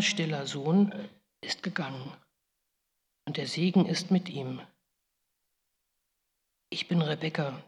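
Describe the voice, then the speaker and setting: Playing the guilt-ridden biblical mother Rebekka, a woman delivers a grave, solemn first-person monologue marked by pleading outbursts. The setting is a big hall full of reverb, and her voice sits low.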